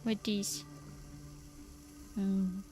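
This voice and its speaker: A woman's voice: medium pitch, little pitch movement, drawn-out words, mellow, faint music behind. A woman streaming a game in casual, chatty commentary, talking to herself, giggling and trailing off mid-thought.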